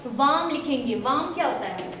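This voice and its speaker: A woman teaching a Hindi class, quizzing her students and drilling their answers. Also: high-pitched. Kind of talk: classroom lecture. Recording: echoey room, far from mic, noisy.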